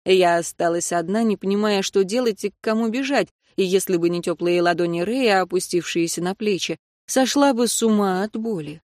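A woman's voice: medium pitch, brisk, few pauses, dry recording, studio quality. A woman narrating a first-person novel as an audiobook, telling it expressively. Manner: expressive storytelling.

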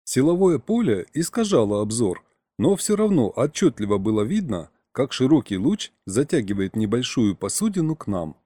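Audiobook reader, man, warm tone, animated pitch, ironic narration. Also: normal speed, no echo. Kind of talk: first-person audiobook narration.

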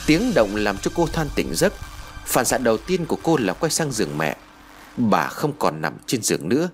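Male narrator, ghost story, animated delivery, music underneath. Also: lowish voice, moderate pace. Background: background music.

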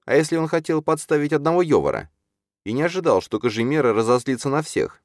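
A man's voice: fairly high pitch, big pitch swings, quick pace, no room sound, studio quality, voice pushed up. A man putting on an anxious young sorceress. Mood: urgent. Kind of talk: audiobook character voice.

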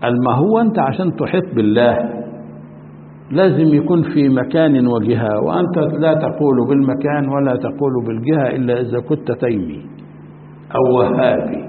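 A man with an Egyptian Arabic accent, a sheikh teaching a religious class, who keeps quizzing his students and stretches out key words slowly for emphasis. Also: medium pitch. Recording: tinny lo-fi recording in a reverberant hall with faint noise.

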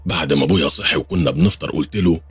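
Male narrator, Egyptian accent, first-person horror story, tense and dramatic, deep husky voice, lively delivery, dry recording. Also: racing, no echo, faint music behind. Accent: Egyptian Arabic.

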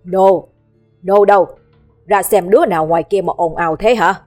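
A woman voicing a gruff, domineering older village master who barks orders and threats. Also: fairly low pitch, lively intonation, a little fast, darkish tone, faint music behind. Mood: barking. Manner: barking, threatening.

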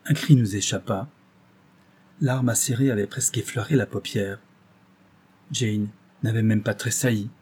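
A man reading a story aloud in measured scripted narration. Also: on the low side, fairly even intonation, dark tone, slight background noise.

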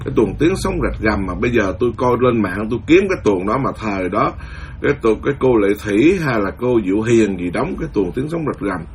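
A Buddhist monk giving a lively storytelling sermon, acting out the voices of the people in his story. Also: on the low side, brisk, a little hiss or hum. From Vietnam. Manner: animated, acts out quoted voices, laughs at his own story. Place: lives in the US, speaking to followers.

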